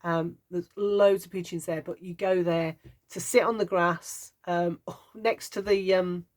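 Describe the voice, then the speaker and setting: Brummie lady in her 50s, bit low voiced, rambly and wry, just chatting to camera. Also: steady tone, unhurried, a little mellow. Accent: Birmingham (Brummie). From Birmingham, England. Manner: chatty, meandering, wry humour. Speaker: craft vlogger. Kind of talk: casual chat.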